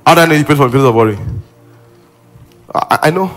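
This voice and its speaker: A man's voice: fairly high pitch, lively intonation, quick pace, fairly bright tone, soft background music. A male pastor preaching a sermon with emphasis, repeating key lines and acting out what people say.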